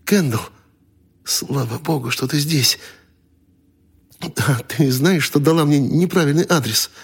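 Narrator doing a lovesick young guy, raised urgent voice, pleading, husky tone. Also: fairly high pitch, measured pace, voice pushed up, full character voice. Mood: relieved. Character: eager lovesick young man, anxious.

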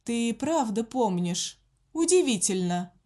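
Woman reading as sinister nun-sorcerer for an audiobook, high, cold and taunting. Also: expressive, slow pace, a little mellow. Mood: cold mocking. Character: cruel sorcerer posing as a nun, menacing.

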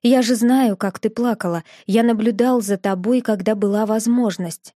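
A gentle, remorseful young man speaks low and tenderly, as a woman reader voices him. The tone is mellow and dark, and the recording is close and dry, with no room around it. He sounds protective and quiet rather than forceful. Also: fairly even intonation, normal speed, no echo, lightly acted. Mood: confessional.

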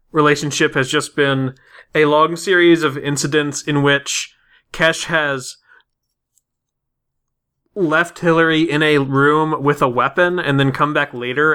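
A man's voice: fairly high pitch, level tone, measured pace, bright, forceful tone, smooth. A man playing in a tabletop game podcast, joking casually and laughing often.

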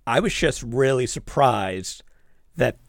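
A man co-hosting a casual movie-review podcast, animated and quick to react. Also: mid-range voice, creaky, dry recording. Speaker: podcast co-host.

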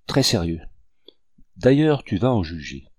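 A man's voice: sits low, big pitch swings, a little slow, a little mellow, breathy edge, dry recording, clean studio sound, exaggerated voice. A man voicing a jovial Creole general in his thirties bringing urgent news.

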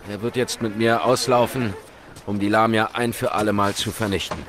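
A man's voice: on the low side, steady tone, moderate pace, close to an everyday voice. An actor playing a grave, intense hero who narrates his supernatural ordeal in a horror audio drama. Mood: relieved resolve. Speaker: narrator and protagonist. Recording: loud music behind the voice.

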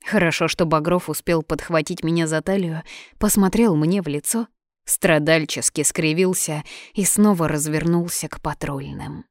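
Brief: female audiobook narrator, lively and dramatic, slightly low voice. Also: normal speed, dry recording, clean studio sound. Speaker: audiobook reader.

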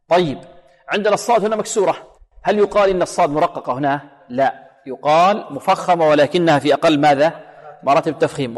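A man teaching the rules of Quran recitation on a radio program. He asks questions and answers them himself, and he repeats words slowly to show right and wrong pronunciation. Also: a little high, long reverb tail. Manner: slow careful chanting of Quranic verses between explanations. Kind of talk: tajweed lesson on a radio program.

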